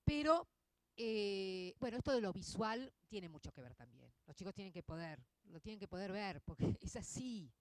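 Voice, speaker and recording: Expressive Argentine woman lecturing teachers. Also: medium pitch, moderate pace, dry recording. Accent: Argentine Spanish. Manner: expressive, frequent tag questions "¿no?" and "¿eh?". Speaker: literature teacher giving a public talk. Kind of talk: conversational lecture to an audience.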